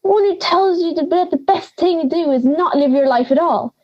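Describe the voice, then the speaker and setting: This audio drama features a young woman as a blunt, feisty ninety-year-old woodland granny, sarcastic and scolding as she urges someone on. Her voice is very high-pitched at a moderate pace, and the recording is muffled.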